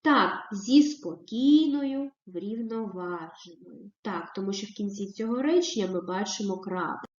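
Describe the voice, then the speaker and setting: A woman teacher giving a recorded reading lesson to young children, asking questions and praising the answers in a slow, sing-song way. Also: medium pitch, animated, darkish tone, reverberant, dull audio. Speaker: primary school teacher.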